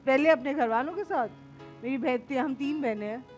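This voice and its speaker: A woman in her thirties with a Pakistani Punjabi accent, a guest chatting casually in an interview, lively and blunt, mixing in English and Punjabi phrases. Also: high voice, brisk, faint music behind.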